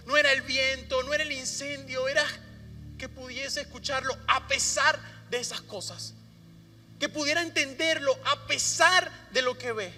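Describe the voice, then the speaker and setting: A man with a very high, piercing bright voice delivers a sermon as pastor. He often sinks into a soft, hushed tone to stress a point. The sound carries a long reverb from a church hall. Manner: drops to a soft hushed voice for emphasis. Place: church sanctuary.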